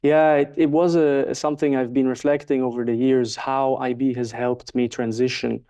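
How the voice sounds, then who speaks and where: Smooth-voiced young Swiss man. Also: medium pitch, little pitch movement, moderate pace, mellow. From Switzerland. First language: Swiss German. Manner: thoughtful, many fillers and hedges. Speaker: interview guest, market researcher. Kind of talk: casual interview.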